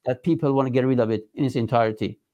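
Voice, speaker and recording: A man with a Persian accent giving an interview as a political spokesman, speaking emphatically and formally, with halting phrasing. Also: medium pitch, fairly even intonation, dark tone, highs cut off. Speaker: resistance movement spokesman being interviewed.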